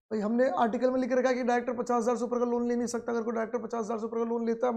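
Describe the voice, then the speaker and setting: High-voiced man teaching a class. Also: vocal fry. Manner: reads English textbook lines slowly, then explains in Hindi; repeats and rephrases points for students. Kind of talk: class lecture.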